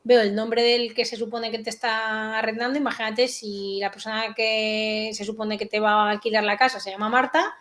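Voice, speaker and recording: Woman with a slightly high voice, chatty. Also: little pitch movement, normal speed, few pauses, a bit bright. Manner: chatty, quotes herself and others in stories. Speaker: guest, pentester. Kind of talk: casual interview chat.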